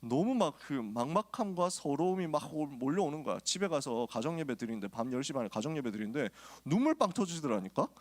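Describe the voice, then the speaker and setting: With a fairly high pitch and a slightly quick pace that leaves few pauses, this male pastor addresses a youth group. His preaching starts with relaxed, humorous personal anecdotes and then shifts into exhortation.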